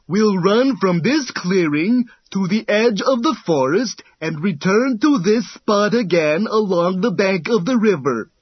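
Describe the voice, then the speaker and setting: A man voicing a slow, patient and wise male tortoise who speaks calmly and deliberately. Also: sits high, slightly rough, no echo, muffled recording, pitched above the performer's own voice, full character voice.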